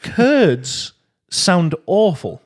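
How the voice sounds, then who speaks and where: A man's voice: high-pitched, sing-song, drawn-out words. A man co-hosting a podcast in casual chat, guessing quiz answers with playful, mock-indignant jokes. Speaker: podcast co-host, quiz contestant.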